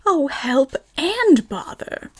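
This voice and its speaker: A woman voicing a gentle, simple-minded male teddy bear in whispered role-play, slow and plaintive. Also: high voice, sing-song, voice pushed up, exaggerated voice. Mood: fretful.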